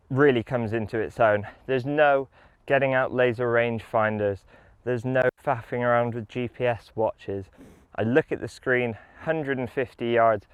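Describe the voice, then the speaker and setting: A man's voice: mid-range voice, smooth, dry recording, phone-quality sound. A man giving an enthusiastic, casual product review while playing a round of golf outdoors. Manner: enthusiastic, upbeat.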